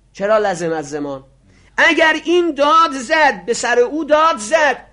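A man teaching a seminary class on religious law. He reads passages aloud, explains them, and answers his own rhetorical questions. His voice trails off quietly at the ends of phrases. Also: very high voice.

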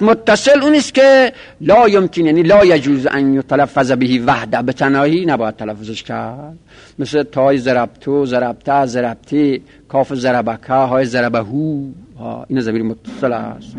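A man teaching a grammar class, explaining step by step and repeating each example in a list. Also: medium pitch. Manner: methodical, repeats examples in lists. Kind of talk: classroom lecture.

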